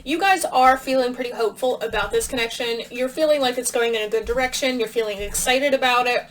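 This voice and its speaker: A woman's voice: on the high side, quick pace, low-quality recording. Chatty woman giving a tarot reading. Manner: chatty, thinks aloud with fillers and restarts. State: talking around a cough drop. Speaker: tarot reader. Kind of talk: casual tarot reading to camera.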